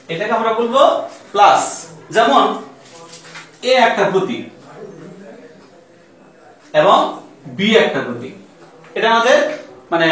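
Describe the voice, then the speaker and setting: A male math teacher explains a lesson in a high, animated voice that rises and falls widely. He asks questions and answers them himself, repeating each key term. He sounds far from the mic in a strongly echoing room.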